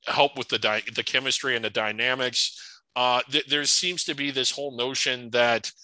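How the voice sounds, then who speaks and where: A man's voice: mid-range voice, fairly even intonation, normal speed, bright, forceful tone, no room sound, rough recording. A man co-hosting a sports podcast, opinionated and prone to stumbling restarts. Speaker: podcast co-host. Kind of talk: casual sports podcast chat.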